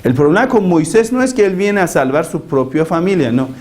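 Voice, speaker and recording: Male religious teacher, argumentative lecture, rhetorical questions, somewhat high voice. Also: big pitch swings, a little fast, darkish tone.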